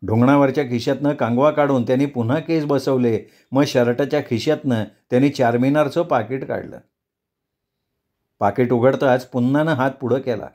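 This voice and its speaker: A male storyteller narrating a novel aloud in a measured, deliberate reading style. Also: mid-range voice, darkish tone.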